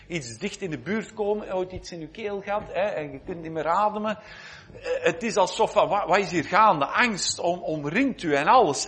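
A man preaching a sermon in a conversational, reflective way, often repeating words and clearing his throat. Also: fairly high pitch, a bit bright.

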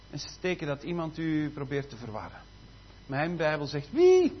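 A man preaching a sermon, dropping to soft asides and then rising to loud, emphatic declarations. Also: on the high side. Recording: slightly muffled, faint background noise.

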